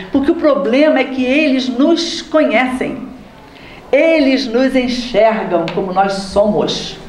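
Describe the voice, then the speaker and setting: A Brazilian woman leading a spiritist study talk to a group, lively and teasing her listeners with questions. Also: mid-range voice, slight background noise. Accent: Brazilian Portuguese. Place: spiritist center hall. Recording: roomy hall with faint ambience.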